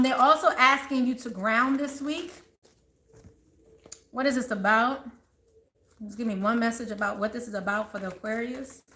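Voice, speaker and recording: In a bright, forceful voice that runs high, a Texas-born tarot reader raised near Maryland and DC talks straight to her live audience, laughing a lot as she chats through the cards. Faint noise and echo fill the room.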